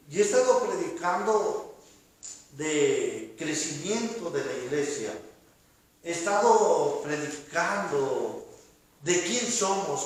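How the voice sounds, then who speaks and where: A pastor delivers a sermon in an unhurried, chatty way, mixing jokes with the quoted voices of his congregation. His voice sits high for a man. He sounds distant from the mic, with a strong echo filling the church. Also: a bit bright. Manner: conversational and humorous, acting out quoted voices. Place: church sanctuary. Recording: roomy echo, speaker far from the mic.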